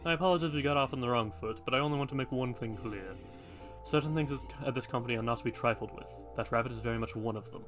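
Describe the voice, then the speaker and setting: A man voicing a stern company veteran in a video game, speaking formally and with measured, ominous caution. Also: mid-range voice, music in the background, natural voice. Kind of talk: video game cutscene acting.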